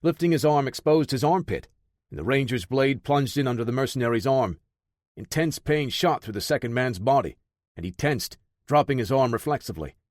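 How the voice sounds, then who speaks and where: A man narrating an action thriller audiobook in a steady, dramatic way. His voice sits in a middling pitch, recorded dry and close. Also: fairly quick, dry recording. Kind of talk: scripted narration.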